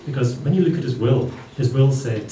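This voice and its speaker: A man's voice: medium pitch, a little fast, warm tone. A man from the Western Isles of Scotland with a Hebridean accent, performing a live stand-up comedy monologue in a dry, wry storytelling manner. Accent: Hebridean Scottish. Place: live comedy venue with audience. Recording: echoey room, distant mic, faint noise.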